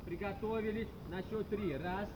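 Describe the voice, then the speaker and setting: A man's voice: high-pitched, fairly even intonation, moderate pace. A man coaching a group workout on a grass field, giving short, commanding, repeated instructions and counts. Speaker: fitness coach leading group training. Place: outdoors on a grass sports field. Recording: noisy outdoor recording with vehicle sounds.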